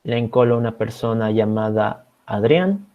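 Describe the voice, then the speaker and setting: Speaking with a fairly low voice at a moderate pace, a man from Bolivia assists in teaching an online programming course. He's animated as he goes through the code step by step, repeatedly checking in with students. The audio is slightly dull, as from a video call.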